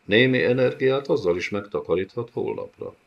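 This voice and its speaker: A man narrating a fantasy audiobook in a measured storytelling manner. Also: medium pitch, lo-fi sound. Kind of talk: scripted narration.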